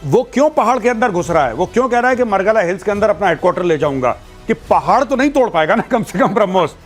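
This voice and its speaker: A man with a high voice speaks as a guest expert in a studio news debate. He talks casually and likes to mock, with a joking edge to his points. Light music sits faintly behind. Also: very animated, quick pace. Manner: mocking, jokey, conversational.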